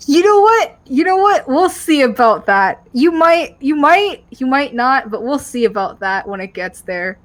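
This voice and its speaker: Animated woman chatting through a game. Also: high-pitched, a little slow, hardly any pauses. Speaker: co-host playing and voicing a game. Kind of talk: casual playthrough chat.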